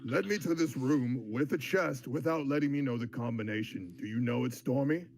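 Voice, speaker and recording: A man's voice: mid-range voice, moderate pace, a little mellow. A man playing a tabletop game, brash, sarcastic and profane. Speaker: player.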